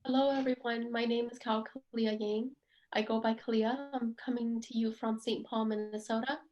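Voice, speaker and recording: A woman author introducing herself on a panel with a measured, steady delivery. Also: a little high, lo-fi sound. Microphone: video call.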